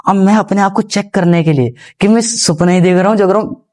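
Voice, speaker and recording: Speaking fairly quickly in a high-pitched, darkish voice, a young man shares a personal story earnestly as a guest on a podcast. His respectful, rambling first-person account includes restarts and repeated phrases, and he often refers to the host as guruji.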